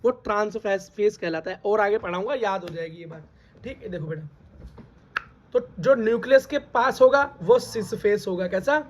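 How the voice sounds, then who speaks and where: High-voiced man teaching biology. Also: moderate pace, a little hiss or hum. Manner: calls listeners "beta", asks questions and repeats answers. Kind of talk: classroom lecture. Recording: dull lo-fi recording.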